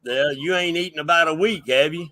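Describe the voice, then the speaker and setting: A man's voice: a little high, a little fast, over a noisy crowd. A man hosting a casual livestream chat show, folksy and rambling as he welcomes people in. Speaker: show host.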